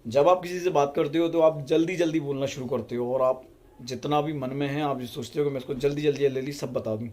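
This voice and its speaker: A man giving communication tips to his video audience in a calm, unhurried, deliberate way. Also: fairly high pitch. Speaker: YouTube self-help creator. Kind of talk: casual advice talk to camera.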